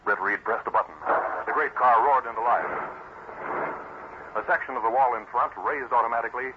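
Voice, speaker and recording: A man's voice: mid-range voice, fairly even intonation, brisk. A man narrating a radio drama in a dramatic, scripted 1940s style. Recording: muffled, hissy old radio recording.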